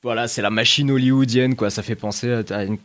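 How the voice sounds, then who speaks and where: A man talks through a film review in a loose, conversational way, often stopping, restarting and filling pauses. His voice sits at an ordinary middle pitch for a man. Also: steady tone, fairly bright tone. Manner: chatty, hesitant, many restarts and fillers. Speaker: film critic. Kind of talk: casual round-table film review.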